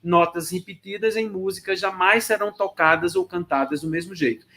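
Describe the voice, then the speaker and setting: A man with a fairly high speaking voice lectures on choral rehearsal. He explains exercises in an instructive tone and sings solfège syllables to demonstrate them. He speaks directly to the students. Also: brisk, pushed and bright.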